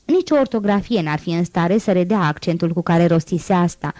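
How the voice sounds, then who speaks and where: A woman narrating a classic novel as an audiobook, in a measured, dramatic reading. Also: fairly low pitch, lively intonation, a little mellow, no echo. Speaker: audiobook reader.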